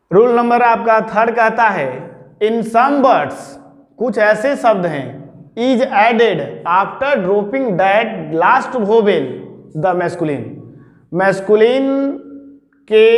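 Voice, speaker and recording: A male English grammar teacher with a high voice gives an explanatory classroom lecture, posing rhetorical questions and answering them himself. He addresses listeners familiarly as "babu." The room is echoey with long reverb.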